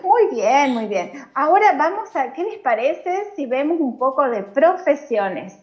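A woman's voice: sits high, big pitch swings, measured pace, dull audio. A woman with an Argentine accent, teaching English in a casual podcast lesson and explaining patiently with frequent laughter.

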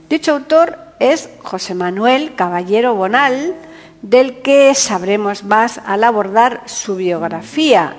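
A woman presents a poetry podcast in a slow, formal, scripted announcing voice. Her words ring out with a long reverb, and soft guitar music plays underneath. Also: mid-range voice. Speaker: podcast host.

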